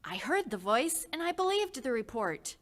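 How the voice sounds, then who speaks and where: A woman voicing an earnest, devout older man who pleads slowly and insistently, like a preacher, in a dramatized history story. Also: high voice, big pitch swings, a bit bright, pitched above the performer's own voice. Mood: awed. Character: fervent devout older male host, insistent. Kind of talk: storytelling reenactment.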